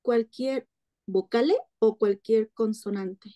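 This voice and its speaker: A woman's voice: a little high, dark tone. A woman, a student asking hesitant questions in an online language class. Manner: slow, hesitant. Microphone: video call.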